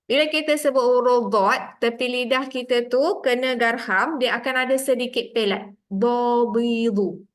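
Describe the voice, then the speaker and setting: In an online tajweed lesson, a Quran recitation teacher with a Malaysian Malay accent patiently explains sounds step by step. Her voice sits on the high side, and she speaks at a moderate pace with hardly any pauses.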